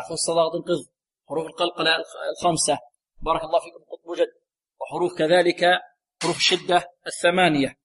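A man's voice: on the high side, slightly rough. A man teaching Quran recitation to students, drilling letter sounds aloud and quizzing the class. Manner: drills sounds aloud, asks the class questions and repeats answers; often repeats a set blessing phrase to the students. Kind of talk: tajweed lesson to students.

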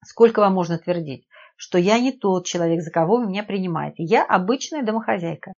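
Woman reading sharp-tongued middle-aged housewife sleuth, indignant, dull lo-fi audiobook audio. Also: on the low side, expressive, brisk.

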